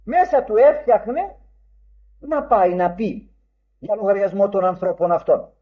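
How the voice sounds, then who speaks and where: A man with a high voice delivers a sermon in formal, old-fashioned phrasing. He is emphatic, and his voice climbs further whenever he quotes. The recording is dull and lo-fi. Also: lively intonation, slightly rough. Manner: emphatic, rising sharply when quoting. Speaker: preacher.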